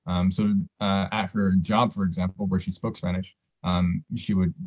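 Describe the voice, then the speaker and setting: A man's voice: sits low, flat delivery, normal speed, highs cut off. A man born in the United States, musing in a rambling, thoughtful way during a casual podcast chat. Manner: rambling, thoughtful, many fillers.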